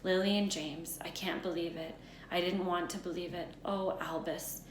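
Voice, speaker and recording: A woman's voice: on the low side, steady tone, moderate pace, roomy sound, a little hiss or hum, close to an everyday voice. A woman voicing an anxious, exasperated older witch professor from a storybook, stern, incredulous and emphatic. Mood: shaken.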